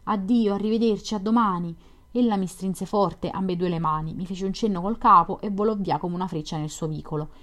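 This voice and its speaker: Low-voiced woman reading a novel. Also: fairly quick, few pauses, fairly bright tone. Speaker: reader of a novel. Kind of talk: audiobook reading.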